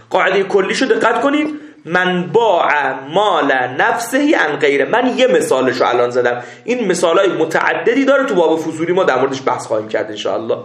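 A man teaching a seminary class, reading Arabic text slowly and explaining it step by step, often checking that his students follow. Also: on the high side, echoey room. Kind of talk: classroom lecture on Islamic jurisprudence.

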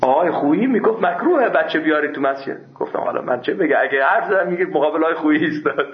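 Male seminary teacher with a fairly high voice. Reads old texts slowly, explains them casually and with humor. Roomy, lo-fi sound. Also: animated. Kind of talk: classroom lecture on a religious law text. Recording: roomy, dull lo-fi recording.

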